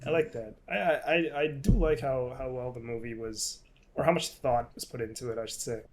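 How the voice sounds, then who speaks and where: A man chatting loosely on a podcast, piling up fillers and false starts and swearing freely as he rambles. His voice sits at an ordinary middle pitch. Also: brisk. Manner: rambling, swears a lot, many fillers and restarts. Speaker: podcast co-host. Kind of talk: casual chat.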